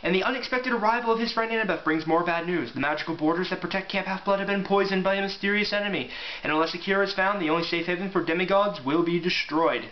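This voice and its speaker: Recorded in an echoey room with a muffled sound and faint hiss, a fast-talking man with a high-sitting voice reviews a book in a casual, rambling manner. An amateur reviewer and reader, he also reads aloud from it, offhand and informal.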